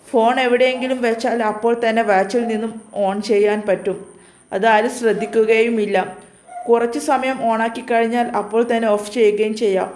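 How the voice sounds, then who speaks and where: A woman storyteller narrating a serial story in an even, steady reading. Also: on the high side, reverberant.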